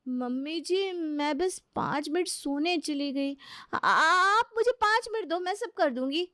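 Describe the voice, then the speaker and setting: Lazy young bride, sleepy drawl, bright high tone; a woman doing it. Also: lively intonation, a little slow, no echo, clean studio sound, full character voice. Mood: sleepy, dawdling.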